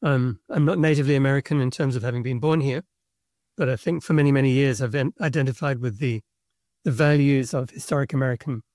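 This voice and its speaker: A middle-aged man with a South African accent, speaking as a guest in a podcast interview and telling his story in a measured, thoughtful way. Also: mid-range voice, a little mellow, no room sound, studio quality. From Kenya and South Africa. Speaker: guest, book publisher's representative.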